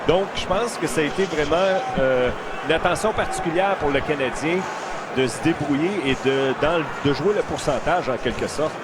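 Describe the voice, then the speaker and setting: A man's voice: a little high, moderate pace. A man with a Quebec French accent analysing hockey plays in a conversational, explanatory way. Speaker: hockey analyst, former player. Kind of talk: sports analysis commentary. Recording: heavy arena noise behind voice.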